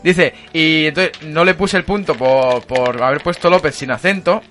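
Bright-voiced podcast host, laughing. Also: male voice, fairly high pitch, normal speed, soft background music. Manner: laughs often, storytelling with fillers. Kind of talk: casual chat.

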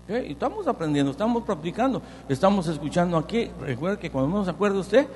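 Man, rabbi preaching, upbeat teaching manner, call-and-response, somewhat high voice. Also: quick pace, long reverb tail, a little hiss or hum. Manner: constantly checks in with the audience with "right?"; lively, playful teaching with repetition drills. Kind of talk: sermon mixed with a Hebrew lesson.

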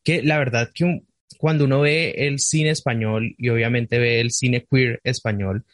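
A man's voice: medium pitch, fairly even intonation, normal speed, no room sound, studio quality. A man from the south of Colombia with a southern Colombian accent, interviewing a guest casually and laughing easily.

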